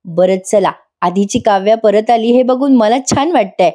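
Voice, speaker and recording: A woman reading the lines of a teasing, affectionate young husband in her own voice, with a mellow, fairly high tone. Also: moderate pace, lightly acted. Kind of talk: reading a character's lines in a TV review.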